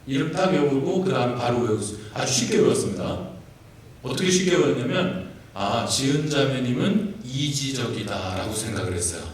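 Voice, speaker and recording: A male pastor giving a playful sermon, joking and asking his congregation questions. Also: fairly high pitch. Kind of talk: sermon with jokes and congregation interaction. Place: church sanctuary. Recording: echoey church hall, mic at a distance.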